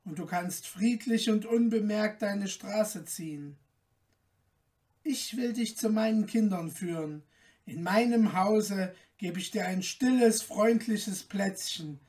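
A woman voicing a gentle, fatherly man who speaks calmly and kindly, recorded from a distance. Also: mid-range voice, close to an everyday voice. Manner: calm, warm-hearted, unhurried.

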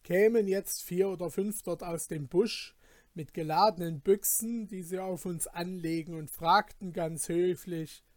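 A man's voice: high-pitched, steady tone, a little slow, darkish tone, no room sound, studio quality. A man voicing a carefree, mocking male journeyman who teases his frightened companion in a read-aloud fairy tale. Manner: teasing, dismissive, jovial.

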